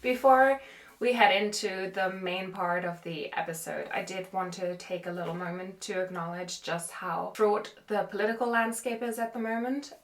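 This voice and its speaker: A woman chats away to her phone camera, animated and a little self-deprecating. Her voice sits at an ordinary middle pitch. The room around the phone rings with a clear, roomy echo. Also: moderate pace. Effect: recorded on a phone camera. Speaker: podcast host. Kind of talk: casual chatty vlog. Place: room in an old country cottage, indoors.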